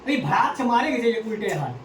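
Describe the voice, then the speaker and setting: A woman's voice: fairly high pitch, very animated, fairly quick. A woman tutoring a child at home, stern and impatient, repeating orders and spelling letters aloud. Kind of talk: scolding a child over reading. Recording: echoey room, far from mic, faint noise.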